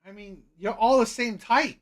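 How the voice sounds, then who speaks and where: A woman giving unscripted opinion commentary in an emphatic, repetitive way with halting restarts. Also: fairly high pitch. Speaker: reaction video commentator.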